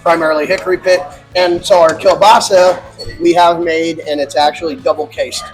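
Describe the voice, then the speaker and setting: A man's voice: fairly high pitch, steady tone, moderate pace, faint music behind. A man who owns a barbecue restaurant, chatting casually and laughing often while eating. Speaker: restaurant owner.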